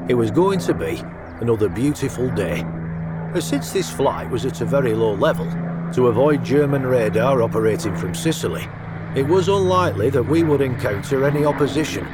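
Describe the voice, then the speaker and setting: A man narrating a series of audiobook excerpts in a measured storytelling manner. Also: mid-range voice, heavy background noise. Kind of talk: scripted narration.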